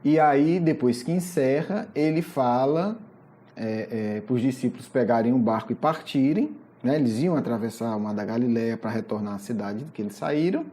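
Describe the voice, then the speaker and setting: A spiritist lecturer with a Brazilian Portuguese accent retells a Gospel story in a lively, narrative style, often slipping in questioning asides. The voice is medium in pitch at normal speed.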